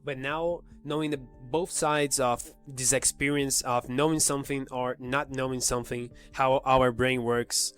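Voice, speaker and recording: A video host explaining psychology talks conversationally and directly to the viewer in a casual explainer, his voice a little off from a slight cold. His medium pitch is steady, fairly bright, clear and resonant, and he speaks a little slowly with hardly any pauses, faint music behind.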